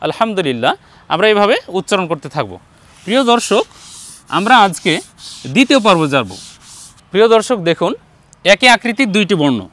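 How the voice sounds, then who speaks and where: A man with a fairly high voice teaches a Quran reading lesson, speaking patiently and straight to his viewers. He stretches out each letter sound so they can repeat after him. The sound is dry and close, with no room echo. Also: very animated, a bit bright. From Bangladesh. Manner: patient, addresses viewers directly, drawn-out letter sounds for repetition. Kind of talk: step-by-step pronunciation lesson.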